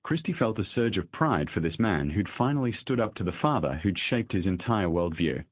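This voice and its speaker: Male audiobook narrator, low and husky, lively delivery, dry tinny phone-like audio. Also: brisk, no echo. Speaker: story narrator.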